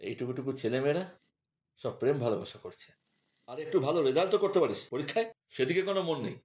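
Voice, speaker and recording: A man's voice: mid-range voice, quick pace, darkish tone, lightly acted. An actor playing a stern middle-aged father who scolds, then soothes his son. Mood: scolding. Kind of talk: film drama acting.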